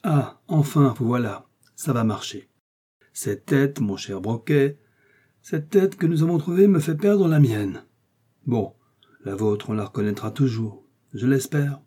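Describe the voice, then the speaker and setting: A man's voice: mid-range voice, a little slow, dark tone, breathy edge, voice pushed up. A man reading an audiobook, voicing an agitated middle-aged police chief who talks nervously and complains. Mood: exasperated.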